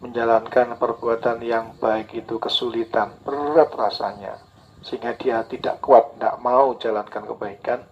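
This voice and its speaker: A man's voice: mid-range voice, steady tone, normal speed, husky. A man preaching a sermon, earnest and repetitive, acting out tearful prayers now and then. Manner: earnest, repeats key phrases, acts out tearful prayers. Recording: dull lo-fi recording with faint hiss.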